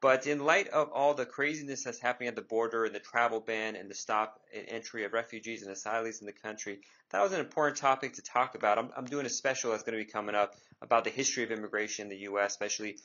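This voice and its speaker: On a muffled recording, an immigration attorney hosts an interview podcast in a lowish, fairly bright male voice. He talks fast with hardly any pauses, staying conversational with frequent fillers and restarts.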